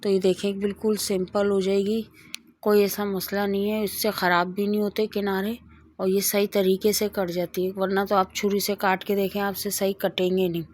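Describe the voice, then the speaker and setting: A woman's voice: mid-range voice, little pitch movement, moderate pace, a little mellow, no room sound. A middle-aged woman hosting a home cooking video, chatting as she demonstrates a recipe and tells a moral story along the way. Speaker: cooking channel host.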